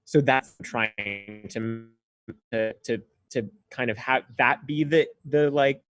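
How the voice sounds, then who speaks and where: A film director answering questions in a halting way, full of restarts, while his audio freezes and breaks up on a glitchy video call. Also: mid-range voice, fairly bright tone. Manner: halting, many restarts and repeated words. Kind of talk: casual Q&A answers.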